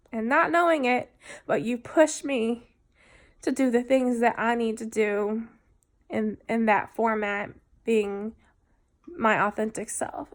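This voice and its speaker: A woman recording a personal video diary, speaking in a heartfelt, halting way with many pauses and fillers. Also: fairly high pitch. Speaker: vlogger.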